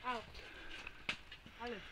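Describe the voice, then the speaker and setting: A woman with a Welsh accent, chatting eagerly while exploring a ruined cottage at night. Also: takes it slowly. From Wales. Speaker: fellow explorer. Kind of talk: casual chat. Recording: very noisy outdoor camera audio.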